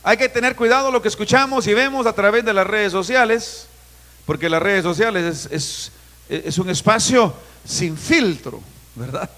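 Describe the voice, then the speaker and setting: A man in his fifties from Guatemala, a pastor preaching a sermon with emphatic, drawn-out phrases in a church. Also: high voice, bright, forceful tone. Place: church sanctuary. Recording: long reverb of a church hall.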